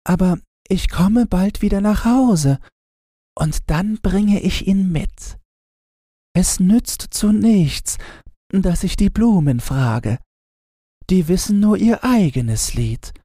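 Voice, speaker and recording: A man's voice: animated, takes it slowly, warm tone, no echo, studio quality, heavily acted. A man voicing an earnest little girl. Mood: wistful. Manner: high pleading girlish voice. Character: a young girl searching, earnest and sad.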